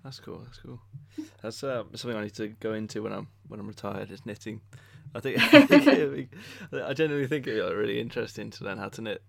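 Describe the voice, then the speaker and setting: A man's voice: lowish voice, quick pace, vocal fry, few pauses. A man hosting a podcast in a casual, jokey, rambling and hesitant way. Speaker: podcast host. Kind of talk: casual chat interview.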